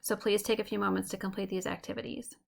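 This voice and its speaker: A woman teacher giving a recorded lesson, explaining clearly and slowing down to tap out rhythms. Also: mid-range voice, flat delivery.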